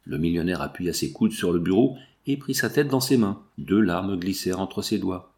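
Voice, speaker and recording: A man narrating a classic novel in a measured, dramatic reading style. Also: deep voice, expressive, darkish tone. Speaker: audiobook narrator.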